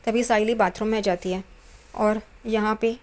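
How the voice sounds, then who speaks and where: A woman's voice: medium pitch, steady tone, moderate pace. Woman retelling a TV serial episode. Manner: retells scenes step by step, tagging quotes with a trailing "karke". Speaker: serial recap narrator.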